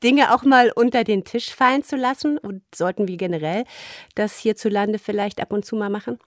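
A woman's voice: medium pitch, fairly quick, dry recording, studio quality. A woman from East Germany hosting a radio program, asking engaged, articulate questions and moderating. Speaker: radio host.

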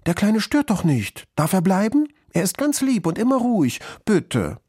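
A man voicing an eager little schoolgirl who begs sweetly and speaks up proudly, in a husky voice. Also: huge pitch swings, moderate pace, no room sound, clean studio sound, heavily acted. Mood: pleading. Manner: bright, begging, high voice.

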